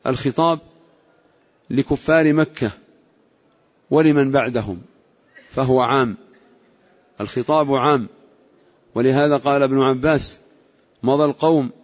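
A man gives a measured lesson on the meaning of scripture, explaining step by step and pausing to question his students. His voice sits at an ordinary pitch for a man. The recording is dull and lo-fi, with a long echo from a large hall. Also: darkish tone. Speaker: Islamic scholar teaching Quranic exegesis.

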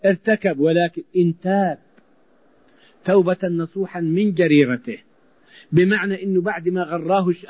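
A male preacher delivers a sermon in a high voice. He drives his points home by repeating phrases. The recording is dry and dull, lo-fi in quality. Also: darkish tone, no echo. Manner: emphatic, repeating phrases for stress.

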